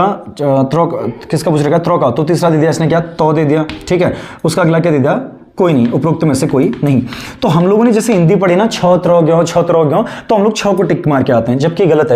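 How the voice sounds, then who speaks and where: A teacher giving an online grammar lesson who keeps asking the class questions, answers them itself, and slowly repeats sentences so students can copy them down. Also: medium pitch, mellow. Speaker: Hindi teacher.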